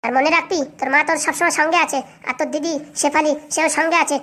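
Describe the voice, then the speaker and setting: A scheming middle-aged cartoon mother scolds and orders her daughter about in a very high, squeaky voice. She rattles her lines off at a breakneck pace. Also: fairly even intonation, fast, bright, forceful tone. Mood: bossy. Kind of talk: cartoon voice acting.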